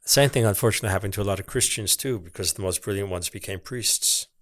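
A man's voice: on the low side, fast, a bit bright, dry recording, studio quality. A man, a sculptor being interviewed on a podcast, talking reflectively with many restarts. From United States. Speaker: guest, sculptor. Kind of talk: casual podcast conversation.

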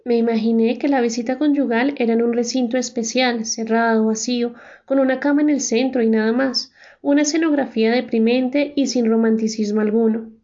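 A woman reads first-person audiobook narration in a measured, reflective manner. Her voice is fairly high but mellow. The recording sounds dull and lo-fi. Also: steady tone.

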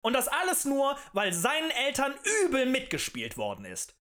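A man voicing a fiery male demagogue who rants and shouts at a tavern crowd in an audiobook. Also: very high-pitched, huge pitch swings, normal speed, voice pushed up, heavily acted. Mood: ranting. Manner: ranting, shouting, rhetorical and accusing.

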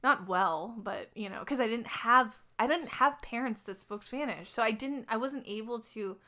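A woman's voice: fairly high pitch, moderate pace. A woman from Los Angeles with a Chicano American accent, chatting casually and animatedly with lots of "like". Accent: Chicano American English accent from Los Angeles. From Los Angeles, USA. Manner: animated, uses "like" very often. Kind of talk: casual chat.

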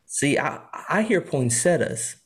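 A young man chatting on a podcast, loose and easygoing, laughing between stories. His voice sits at an everyday middle pitch. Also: normal speed. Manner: laughs often, chatty with frequent "like" fillers. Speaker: podcast co-host. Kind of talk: casual chat.

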